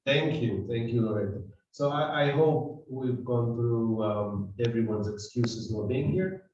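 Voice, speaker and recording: A man's voice: mid-range voice, measured pace, darkish tone. A man leading a seminar, chatting and teasing his class casually with many restarts. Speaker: seminar leader. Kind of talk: casual joking welcome to a class. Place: meeting room with a table. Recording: very echoey, distant, dull room sound with faint noise.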